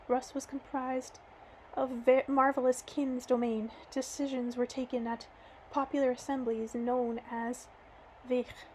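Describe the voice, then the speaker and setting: A woman reading a book aloud in an earnest, measured way, a little hoarse as she is losing her voice, with occasional restarts. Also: sits high, a little mellow, a little hiss or hum, poor audio. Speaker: audiobook reader.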